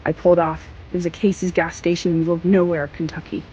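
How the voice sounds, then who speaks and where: A woman from Missouri telling a personal faith testimony in an emphatic, conversational way with dramatic pauses. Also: lowish voice, little pitch movement, mellow, lo-fi sound, slight background noise. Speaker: storyteller sharing a faith testimony.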